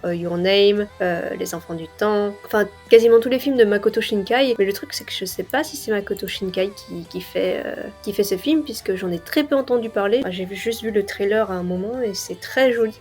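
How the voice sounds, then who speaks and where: A tired woman with a French accent, talking casually and offhandedly as an anime vlogger, full of fillers. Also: medium pitch. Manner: tired, offhand, laid-back commentary with many fillers. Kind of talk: casual chat.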